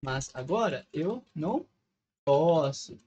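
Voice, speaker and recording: Over a screen recording, a patient English teacher with a Brazilian Portuguese accent walks through a lesson, constantly checking in with brief questions. His voice is a little high, expressive and dark in tone, and he takes it slowly. The sound is lo-fi with slight background noise.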